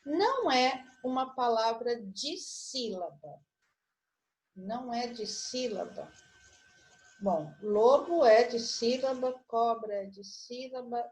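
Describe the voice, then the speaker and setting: A woman's voice: a little high, darkish tone. A middle-aged woman with a Brazilian Portuguese accent, teaching an online lesson for children and patiently spelling out syllables and clues step by step. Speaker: primary school teacher.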